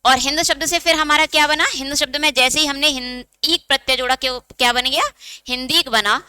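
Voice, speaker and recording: Bright, high-voiced woman teacher. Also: steady tone, brisk, no room sound. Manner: asks students questions and answers them herself; dictates note points. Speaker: Hindi teacher. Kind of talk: exam-prep lecture.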